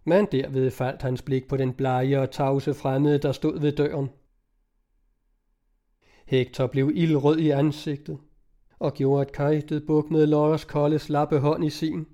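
A man reading an old-fashioned novel aloud in an even, storytelling manner. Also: on the high side. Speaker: audiobook reader.

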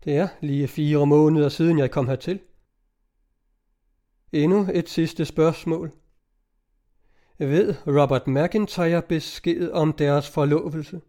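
A man's voice: on the high side, steady tone, long pauses, mellow, natural voice. A man doing a trembling, heartbroken stranger. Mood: shaken.

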